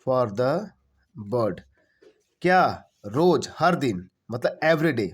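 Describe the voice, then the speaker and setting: Very slow and husky, with lively intonation, a medium-pitched male voice leads an English translation lesson. He asks questions only to answer them himself, spells words out letter by letter and goes over each phrase again.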